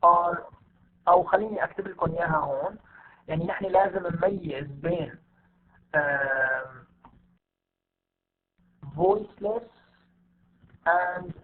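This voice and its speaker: Guy w levantine arabic accent teaching english, high-ish voice, patient, says each word twice, phone-quality sound. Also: slight background noise. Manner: patient, repeats example words slowly for students. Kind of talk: online lesson. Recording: tinny phone-like audio.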